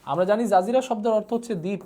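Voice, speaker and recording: In a live online class, a man with a Bangladeshi Bengali accent repeats terms again and again and urges viewers to leave comments. His voice is high and dark in tone, delivered rapid-fire.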